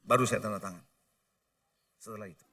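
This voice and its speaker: A man's voice: on the low side, steady tone, fairly quick, gravelly, pushed and bright. A middle-aged male pastor preaching a sermon. He tells stories, asks the congregation questions and mixes English phrases into his preaching. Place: church hall.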